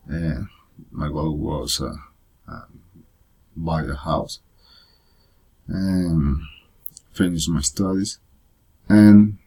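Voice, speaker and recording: A man from Rica, giving a halting personal presentation in learner's English, full of pauses and uh fillers. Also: low voice, slightly rough. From Costa Rica. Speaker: presenter of a personal photo story.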